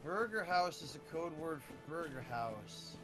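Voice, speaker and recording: A man chatting casually while gaming, sounding sleepy and slurred, with deadpan jokes. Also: on the high side, unhurried, over loud music. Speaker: co-host of a game chat. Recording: noisy recording.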